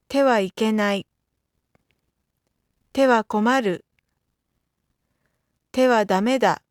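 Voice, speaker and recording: A woman reading out lesson vocabulary carefully, one isolated item at a time with pauses between. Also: on the high side, no echo, clean studio sound. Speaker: Japanese vocabulary reader. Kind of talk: scripted word-list reading for a language lesson.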